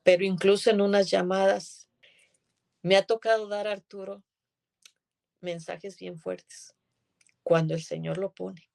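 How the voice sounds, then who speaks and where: A woman's voice: medium pitch, fairly even intonation, unhurried, gravelly, long pauses, a little mellow. A woman giving an earnest, emotional religious testimony as a guest in conversation.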